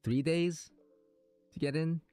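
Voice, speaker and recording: A man's voice: a little high, steady tone, slow pace, mellow, faint music behind. A man streaming a game, chatting casually with viewers in a hesitant, rambling way, thinking aloud.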